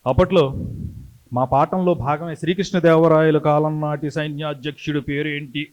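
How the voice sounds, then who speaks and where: A middle-aged man, a TV anchor who tells stories in an animated way to a hometown audience and acts out the voices he quotes. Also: fairly high pitch, normal speed, muffled recording. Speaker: TV anchor and creative director telling stories. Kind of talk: storytelling speech to a hometown audience.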